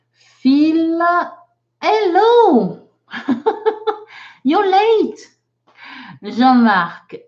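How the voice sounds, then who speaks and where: A woman's voice: medium pitch, a little mellow, lo-fi sound. A woman, teaching a live online English lesson, reading out viewers' chat sentences and patiently correcting them. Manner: slow, careful, patient explaining.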